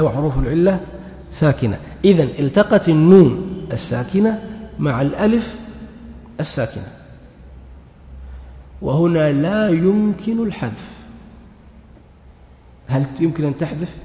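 In a hall with long, echoing reverb, a man teaches Arabic grammar, explaining step by step and quizzing his students. His voice is a little high and mellow.

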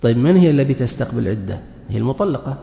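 Gravelly-voiced man teaching in an echoey hall. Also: medium pitch, big pitch swings, quick pace, warm tone. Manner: reads a passage then explains it, asking and answering his own questions. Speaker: teacher of Islamic jurisprudence. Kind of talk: religious lesson explaining a text. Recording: echoey hall with long reverb.

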